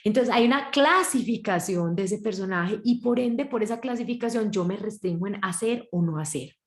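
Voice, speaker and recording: A woman with a Colombian Spanish accent gives a talk to parents and acts out the voices she quotes in a lively way. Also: mid-range voice, moderate pace, reverberant. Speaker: parenting workshop speaker.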